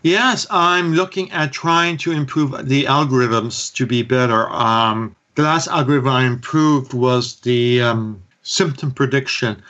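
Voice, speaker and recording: Man, interview guest, earnest explainer, mid-pitched voice, muffled lo-fi remote call audio, low-quality stream. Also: unhurried, few pauses, bright, forceful tone. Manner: earnest, detailed explanations with frequent "um". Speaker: podcast guest, creator of a free microbiome website.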